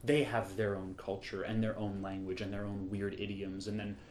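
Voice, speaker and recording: A man's voice: lowish voice, little pitch movement, moderate pace, a little mellow, echoey room, a little hiss or hum. A man co-hosting a podcast in casual chat, talking in a rambling, enthusiastic way and correcting himself as he goes. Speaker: podcast co-host.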